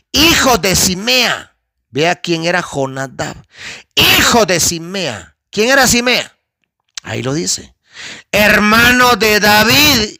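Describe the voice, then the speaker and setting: A man's voice: high voice, dry recording, studio quality. A male pastor, preaching an emphatic, conversational teaching that addresses listeners as sister and brother. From Guatemala. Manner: conversational and animated, asks the audience for help. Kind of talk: sermon teaching.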